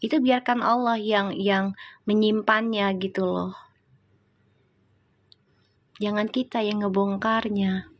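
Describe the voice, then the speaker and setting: A woman's voice: medium pitch, fairly even intonation, takes it slowly, long pauses. A woman, hosting a casual live stream, reading viewer comments and scolding them with rhetorical questions.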